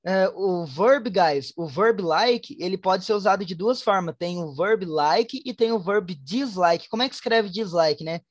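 A woman with a Brazilian Portuguese accent, teaching an online English class, switching between Portuguese and slowly spoken English examples. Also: mid-range voice, animated, dry recording, lo-fi sound. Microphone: online class headset or computer mic.

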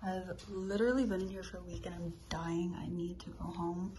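A tired young woman rambles to her phone camera from a small hotel room. Her voice is mellow and a bit dark, and she leans on "like" a lot. The room adds a noticeable echo, with a faint hiss behind her. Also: lowish voice, flat delivery, brisk. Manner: chatty, rambling, heavy use of "like". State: tired from lack of sleep. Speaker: vlogger. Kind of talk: casual vlog chat to camera.

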